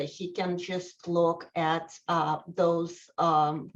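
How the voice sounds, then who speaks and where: Woman speaker at a college event, unhurried and halting, recording a bit muffled. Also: lowish voice. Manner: hesitant, many pauses and ums. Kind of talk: prepared talk to an audience.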